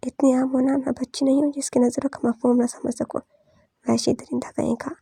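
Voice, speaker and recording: A woman's voice: sits high, flat delivery, brisk, creaky, mellow, slightly rough, no room sound, clean studio sound, exaggerated voice. A woman reading as a furious, defiant young woman. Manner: scolding, defiant. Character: angry, sharp-tongued young woman.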